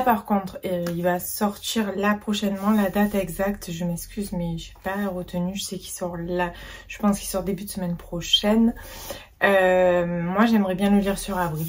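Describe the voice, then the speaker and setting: A chatty woman hosting a casual reading vlog. Her voice is a little husky, and she fills her talk with fillers and restarts. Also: mid-range voice, darkish tone. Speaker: book vlogger.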